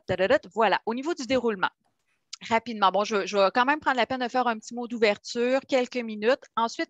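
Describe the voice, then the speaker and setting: A fairly high-voiced woman with a Québécois French accent moderates a live online webinar. She talks with chatty enthusiasm and plenty of hesitations. Her voice comes through dry and close, with little room sound, over a video call. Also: no room sound. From Quebec, Canada. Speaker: webinar host.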